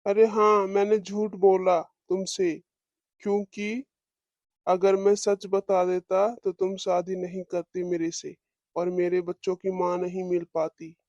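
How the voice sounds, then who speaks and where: A kindly cartoon father coaxes and soothes his family in a mellow, soft voice, as a woman acts him out. His tone is patient and reassuring. The recording is dull, dry and a little muffled. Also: fairly low pitch, flat delivery, measured pace, no echo, lightly acted. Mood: coaxing. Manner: soothing, coaxing. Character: gentle father of two, soothing.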